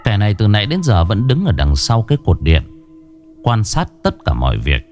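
A man narrating a horror story in an expressive storytelling voice. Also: on the low side, moderate pace, faint music behind.

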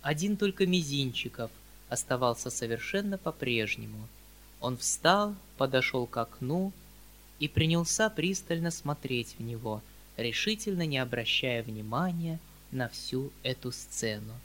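A man reading classic literature aloud in a measured, grave narrating voice. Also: medium pitch, lively intonation, a bit bright. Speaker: audiobook narrator.

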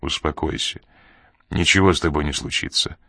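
A man voicing a calm, cynical hired man in an audiobook, curt and mocking. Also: extremely low pitch, normal speed, dry recording, clean studio sound, pitched below the performer's own voice, heavily acted. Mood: dismissive.

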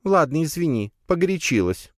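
Male reader playing a high, squeaky she-spider pet, touchy and greedy for food, audiobook. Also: big pitch swings, moderate pace, no room sound, clean studio sound. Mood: sheepish. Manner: squeaky and huffy. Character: bickering, hungry female talking spider, defensive. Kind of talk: audiobook character voice.

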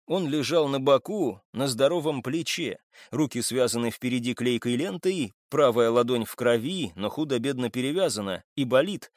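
A male audiobook narrator reading with a lively, swinging pitch. The sound is dry and close, with no room around it. His pitch sits in the middle range. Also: moderate pace, no echo. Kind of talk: scripted narration.

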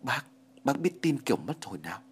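A man's voice: medium pitch, sing-song, fairly quick, slightly rough, voice pushed up. A man voicing a weary, stammering returned soldier. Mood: shaken. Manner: soft, stammering, deferential. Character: weary returning male soldier, grief-stricken and gentle.

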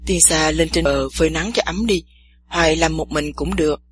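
A woman voicing an earnest, athletic young man who talks calmly and teases gently. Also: low-pitched, normal speed, slight background noise, natural voice. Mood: caring.

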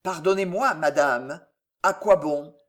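A reader voicing an awkward, reticent old soldier in a storybook reading, speaking low and haltingly. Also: fairly bright tone. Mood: reluctant.

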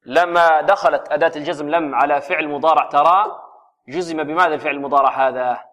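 A man teaching Quran recitation, chanting verses slowly, then explaining the rules and quizzing his class with rhetorical questions. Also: on the high side, steady tone, sharp tone. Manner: drills students with rhetorical questions. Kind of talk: chanted recitation and grammar lesson.

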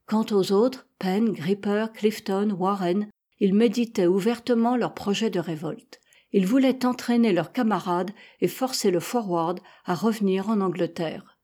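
Mellow, husky woman reading a novel. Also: medium pitch, measured pace. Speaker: audiobook reader. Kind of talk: reading a classic novel aloud.

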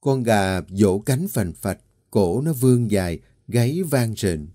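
Male horror narrator, low warm voice, steady dramatic read. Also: slow, no room sound, studio quality. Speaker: storyteller. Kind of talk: scripted horror story narration.

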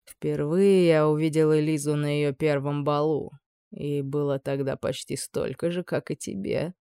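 A woman's voice: steady tone, unhurried, mellow, smooth, dry recording, studio quality. A woman doing a purring, menacing male judge. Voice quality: low, purring, insinuating. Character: menacing scheming middle-aged male high judge.

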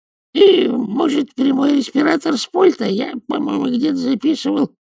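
A man's voice: very high-pitched, moderate pace, creaky, darkish tone, no room sound, clean studio sound, pitched above the performer's own voice, heavily acted. A man voicing an absent-minded elderly wizard who drones and mutters. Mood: fretful. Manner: droning, muttering.

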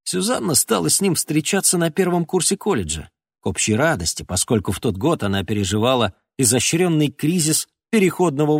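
Expressive male narrator, animated delivery, dry booth sound. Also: medium pitch, slightly rough, dry recording. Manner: expressive, storytelling. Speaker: audiobook narrator. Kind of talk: scripted narration.

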